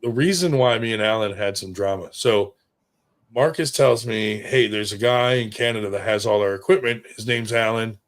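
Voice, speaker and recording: A man's voice: on the low side, moderate pace. Rambling, profane man telling stories. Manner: rambling and profane, with many fillers. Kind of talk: casual storytelling chat.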